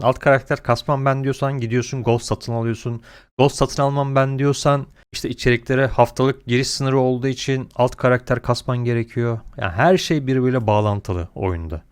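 A man's voice: medium pitch, a little fast, clean tone. A man giving blunt, opinionated gaming commentary, complaining in slangy, mildly sweary language. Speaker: gaming video creator.

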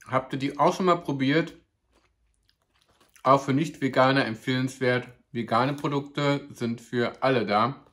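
Unhurried and fairly bright, this medium-pitched food vlogger keeps fairly even intonation while casually reviewing a snack on camera. They stay chatty and upbeat, tease their own pronunciation, and address the audience as "ihr Lieben".

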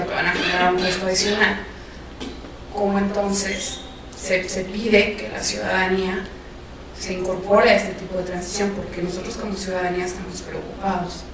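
A woman's voice: lowish voice, little pitch movement, moderate pace. Mexican woman asking from an echoey hall. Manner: earnest, hesitant, thinking aloud. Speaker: audience member asking a question. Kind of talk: audience question. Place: lecture room. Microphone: distant room mic. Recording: echoey room from a distance, noisy.

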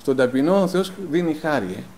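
A man preaching a sermon in a plain conversational tone, asking rhetorical questions, filling pauses with "eh" and calling the congregation brothers. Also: on the high side, lively intonation, a little mellow, a little hiss or hum, poor audio. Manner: rhetorical questions answered himself, frequent "eh" fillers; personal anecdotes told in plain conversational tone. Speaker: lay preacher.

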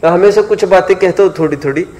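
A man's voice: high voice, fast talker, a little mellow. A man giving a sermon-style scripture lecture to a live audience, often stopping to ask rhetorical questions and check that his listeners are following. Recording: echoey hall with long reverb.

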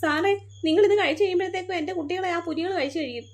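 A woman voicing an anxious, fussing mother in a cartoon, shrill and scolding. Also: rapid-fire. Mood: frantic. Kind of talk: cartoon voice acting.

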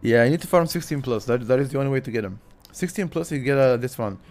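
A male streamer explains game details in a loose, rambling way and corrects himself mid-sentence. He talks quickly at a regular pitch. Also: animated, a little mellow. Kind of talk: casual stream chat.

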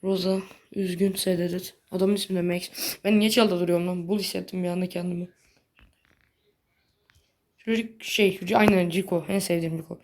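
A woman giving casual gameplay commentary in a blunt, slangy way, quick to get annoyed. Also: fairly low pitch, steady tone, darkish tone. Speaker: gaming video creator.

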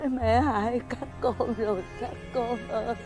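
A woman's voice: high voice, lively intonation, unhurried, over music. A middle-aged woman playing a grieving mother who wails and despairs in a TV fairy-tale drama. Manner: wailing, despairing.

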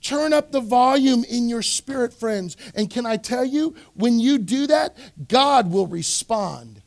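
A male pastor preaching a sermon in a church, repeating phrases for emphasis and swinging from quiet asides to loud exhortation. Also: very high-pitched, animated, unhurried, gravelly. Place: church sanctuary.

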